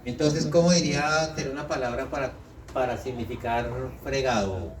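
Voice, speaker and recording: A man's voice: mid-range voice, normal speed, crowd noise. Colombian man preaching in an echoey hall. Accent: Colombian Spanish. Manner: lively preaching, teasing the congregation with questions and mock quotes. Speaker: visiting pastor. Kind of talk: sermon. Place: church hall. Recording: echoey hall, mic far off, congregation audible.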